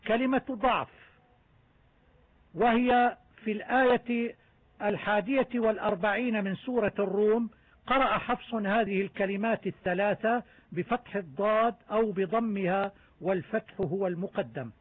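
A man teaching the rules of Quran recitation, explaining each point in a methodical, measured way. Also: sits high, no room sound. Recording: narrow tinny phone-like sound.

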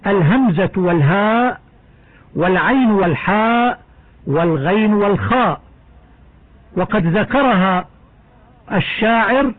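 A man teaching a tajweed lesson on Quran recitation, drawing out each example word in a slow, measured way. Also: high voice, no room sound. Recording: tinny phone-like dry recording.

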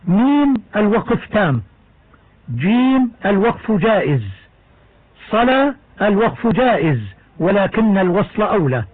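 A man with a high voice explains the rules of Quran recitation in a measured, step-by-step way. The sound is dry and narrow, like an old radio broadcast heard through a small speaker. He talks like a patient teacher going through each rule in turn. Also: slightly rough, dry recording.

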